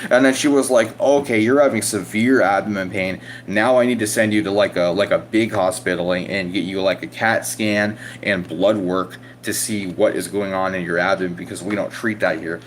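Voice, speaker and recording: Young man, low voice, casual profane storytelling, rambling, faint hum behind. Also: steady tone, moderate pace, hardly any pauses. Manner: profane, rambling, acts out his own screams. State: recovering from illness. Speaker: vlogger.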